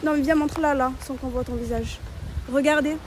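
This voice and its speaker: A woman vlogging casually, telling stories in an animated way and calling her viewers "mes vies". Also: high-pitched, a little fast, background noise. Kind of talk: casual vlog chat to followers.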